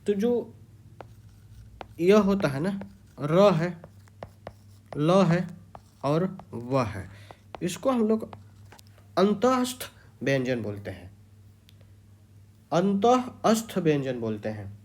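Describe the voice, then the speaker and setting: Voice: medium pitch, big pitch swings, drawn-out words, long pauses, a little mellow. A teacher giving an exam-prep grammar lecture, repeating key terms and quizzing the students.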